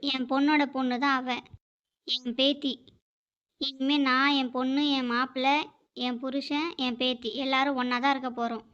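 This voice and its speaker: A stern old grandmother in a cartoon, holding her ground with firm, scolding lines, as a woman voices her. Her voice sits high and rings bright. The audio sounds muffled and lo-fi. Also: flat delivery, moderate pace. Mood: indignant. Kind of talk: animated cartoon dialogue. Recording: dull lo-fi audio.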